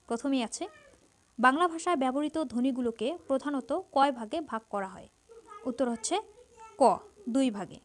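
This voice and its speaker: A woman teacher with a Bangladeshi Bengali accent, steadily reading out numbered quiz questions and explaining each answer. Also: fairly high pitch. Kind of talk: exam-prep lesson, reading quiz answers.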